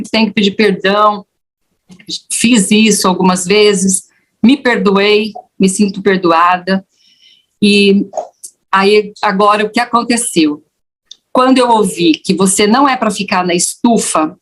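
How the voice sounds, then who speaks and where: A Brazilian woman recounting a personal faith testimony to her pastor. Her telling is animated and expressive. She jumps up in pitch whenever she acts out the lines people spoke. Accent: Brazilian Portuguese. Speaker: church member giving testimony.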